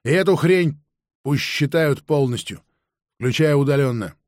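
A man's voice: fairly high pitch, a little slow, no room sound, clean studio sound, lightly acted. A man reading an arrogant male agent leader who barks curt orders in an audiobook. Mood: brusque.

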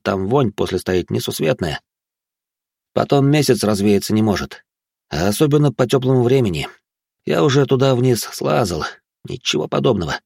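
A man's voice: medium pitch, gravelly, a little mellow, dry recording, clean studio sound, voice pushed up. A man reading an audiobook, voicing a gloomy, tipsy middle-aged male beat cop who grumbles in a world-weary way.

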